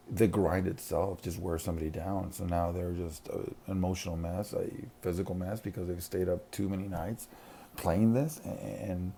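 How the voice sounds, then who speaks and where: A man's voice: sits low, creaky, mellow, slight background noise. A man working as a school counselor, talking casually and rambling, with frequent restarts and short laughs. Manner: rambling, many restarts, laughs between points. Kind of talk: casual monologue.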